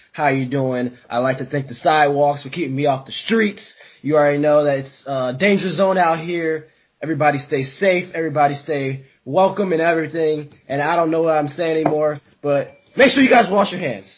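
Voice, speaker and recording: A man's voice: on the high side, brisk, husky. A man speaking casually as a panelist on a podcast. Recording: dull lo-fi podcast audio.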